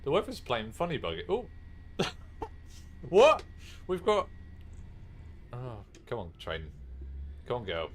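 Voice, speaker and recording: Male streamer, casual and sweary, lively low voice, faint game noise underneath. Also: moderate pace. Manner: chatty, swears, self-mocking, talks to viewers. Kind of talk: casual live-stream commentary.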